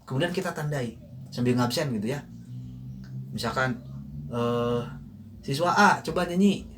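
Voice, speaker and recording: A man's voice: medium pitch, animated, unhurried, noisy background. A man coaching choir in a casual online lesson, thinking aloud with many fillers and briefly singing short lines to demonstrate.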